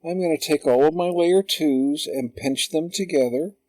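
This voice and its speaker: A man calmly talking through a drawing tutorial step by step, in an unhurried voice-over. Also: a little high, no echo. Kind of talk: slow screen-recorded tutorial.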